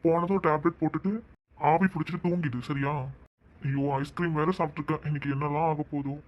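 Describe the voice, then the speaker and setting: A man's voice: on the high side, steady tone, quick pace, close to an everyday voice. A man voicing a caring, protective young man in a cartoon, nagging and worried. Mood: fussing. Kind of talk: cartoon voice acting. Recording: dull lo-fi sound.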